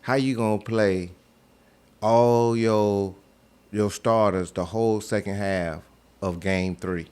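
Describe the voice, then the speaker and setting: A man's voice: fairly low pitch, fairly even intonation, takes it slowly, darkish tone, smooth. A man talking sports in a casual, slangy debate, argumentative and repeating himself to make his point. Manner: slangy, informal. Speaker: sports talk co-host.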